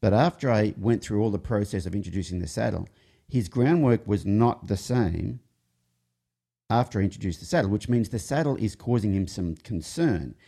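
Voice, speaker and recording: This man's voice is fairly low, gravelly and mellow, with a breathy edge, lively intonation and a moderate pace. Hosting a casual talk as a horse trainer, he tells rambling, joking stories about training horses, frequently breaking off and starting his sentences over.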